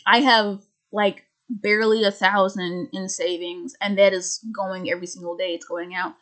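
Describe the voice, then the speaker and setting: A woman's voice: medium pitch, flat delivery, moderate pace, a bit bright. A woman of twenty-five ranting casually to camera, rambling and sardonic, with many restarts and stammers. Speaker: vlogger.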